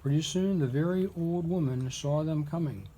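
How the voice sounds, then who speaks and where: A man reading a storybook aloud as a father would, with deliberate, emphatic storytelling. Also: on the high side, mellow, rough recording.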